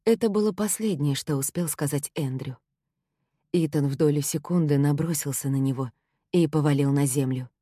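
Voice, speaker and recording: A woman narrates a first-person audiobook in an even, storytelling delivery. Her voice is low and mellow. It sits close and dry, with no room around it. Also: normal speed, no room sound.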